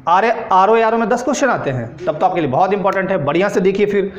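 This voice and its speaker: A man's voice: high voice, animated, quick pace, highs cut off. A male teacher giving an exam-prep grammar lesson. He dictates word pairs and keeps checking in with the class using small tags like "है ना". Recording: echoey room.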